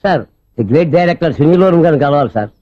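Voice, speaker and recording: A man's voice: a little high, animated, a little fast, highs cut off, lightly acted. An actor playing a bumbling, earnest young man who wants to act in films and whose speech is slurred by a denture set, speaking politely and eagerly. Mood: eager, sheepish. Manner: polite, eager, keeps saying sir. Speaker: aspiring film actor.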